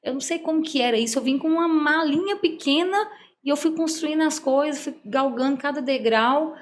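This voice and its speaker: A middle-aged psychologist from Minas Gerais, Brazil, tells her life story as a guest in a podcast interview, her voice high-pitched and brisk. She's earnest and heartfelt and acts out the dialogue she quotes. There's slight background noise.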